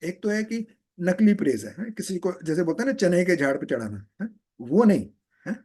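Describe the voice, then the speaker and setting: A man's voice: high voice, very animated, moderate pace, mellow, breathy edge. A man explaining a sacred text in a live class, patient and often checking that his students follow. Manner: patient, keeps asking "है?" to check understanding. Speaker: teacher of scripture. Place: online live session. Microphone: video call.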